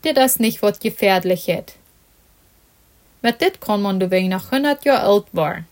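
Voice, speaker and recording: A woman's voice: medium pitch, expressive, measured pace, close to an everyday voice. A woman reading as a discouraged young footballer. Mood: resigned.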